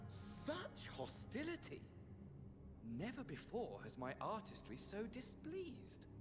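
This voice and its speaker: In a video game cutscene, an actor voices a theatrical, mocking villain. His male voice is a little high, and he sounds flamboyant and sneering, sometimes dropping to a whisper.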